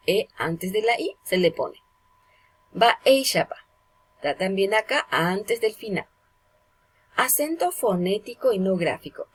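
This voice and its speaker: Woman teacher, husky voice, unhurried and patient, for a kids' grammar lesson. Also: medium pitch. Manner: slow, patient explaining with examples. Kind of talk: online grammar lesson for children.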